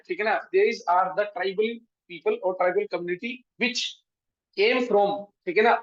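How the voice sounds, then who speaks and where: This exam-prep history lecture comes from a teacher whose voice sits high and who has an Indian accent. Switching freely between Hindi and English, he keeps checking on his students with frequent tag questions, all captured in dull, dry, lo-fi audio.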